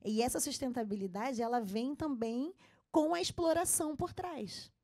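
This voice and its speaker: Earnest woman with a mellow voice. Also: high-pitched, moderate pace. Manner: earnest, emphatic, frequent fillers. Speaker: panelist. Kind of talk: panel talk. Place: symposium stage.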